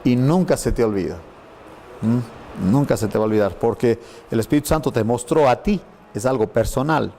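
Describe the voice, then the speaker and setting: A man's voice: medium pitch, moderate pace, gravelly, a little hiss or hum. A middle-aged man leading a conversational Bible lesson, telling stories and acting out the voices he quotes. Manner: animated storyteller, acts out quoted voices. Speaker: Bible class teacher.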